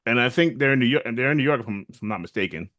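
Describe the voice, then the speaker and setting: A man co-hosting a casual podcast recap of a TV series, animated and often acting out characters' lines. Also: medium pitch, rapid-fire, no room sound. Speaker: podcast co-host.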